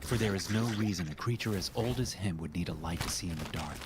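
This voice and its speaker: A man reading a first-person horror story as narrator, in a dramatic, deliberate way. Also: low-pitched, background noise. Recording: loud music over the narration. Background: loud music.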